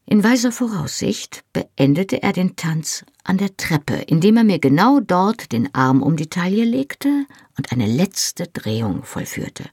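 Gravelly, husky audiobook narrator. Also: mid-range voice, big pitch swings, darkish tone, no room sound, clean studio sound. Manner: measured, storytelling. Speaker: audiobook reader. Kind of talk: first-person novel narration.

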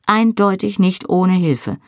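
A woman voicing a stern, sarcastic male army captain who interrogates coldly and with measured condescension in an audiobook. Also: lowish voice, no echo, clean studio sound, voice pushed up. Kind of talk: audiobook reading.

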